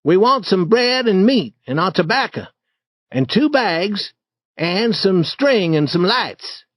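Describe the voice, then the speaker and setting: A man's voice: slow, no room sound, exaggerated voice. Bold eager boy, as a man puts him on. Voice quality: raised, boyish pitch. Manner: excited, lively storybook acting. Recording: dry, slightly dull recording.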